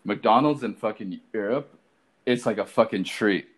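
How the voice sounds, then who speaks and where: Laid-back man, lowish voice. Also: normal speed, husky. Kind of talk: casual profane chat.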